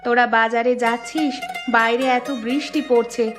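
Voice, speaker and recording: A woman's voice: a little high, fairly even intonation, normal speed, close to an everyday voice. A woman voicing a poor village mother in a cartoon story, worried and fussing over her family, with music behind her. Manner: pleading, fussing, scolding. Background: background music.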